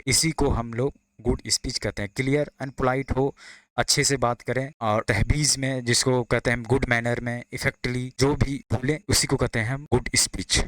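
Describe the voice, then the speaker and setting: A man giving a lecture, explaining in Hindi and reading out English definitions slowly. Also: mid-range voice, fairly bright tone, no echo. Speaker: teacher. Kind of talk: classroom lecture.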